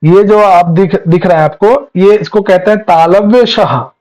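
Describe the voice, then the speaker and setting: A man's voice: high voice, unhurried, darkish tone, low-quality recording. A man teaching Sanskrit grammar in an online class, patiently quizzing his students and calling them "child". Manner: patient, keeps asking students questions.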